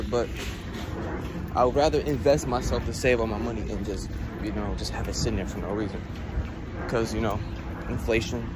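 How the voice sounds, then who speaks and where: A young American man chatting casually for a vlog in slangy, offhand speech, often saying bro and man. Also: fairly low pitch. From Texas, United States. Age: young adult. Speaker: vlogger. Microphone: phone at arm's length. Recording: noisy handheld phone recording, vehicle and outdoor noise.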